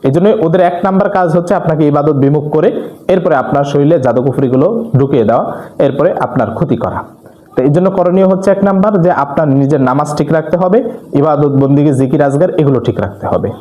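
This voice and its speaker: A man preaching a religious talk, earnestly urging listeners and slowly reciting Arabic supplications. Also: fairly high pitch, warm tone, reverberant. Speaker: Islamic preacher.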